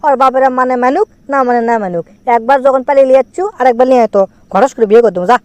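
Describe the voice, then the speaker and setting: Giving brash advice, a man performs a high-voiced, boastful young cartoon guy who scolds a friend sick with love. His Bogura accent comes through clear and resonant as he teases at breakneck speed, and the comic dialogue is recorded dry and close.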